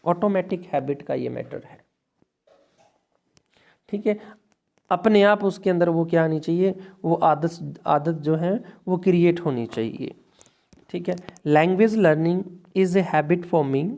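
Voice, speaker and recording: A woman teaching English for an exam-prep lesson. She reads English lines slowly, explains them in Hindi, asks and answers her own questions, and repeats single words to model pronunciation. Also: on the low side, mellow.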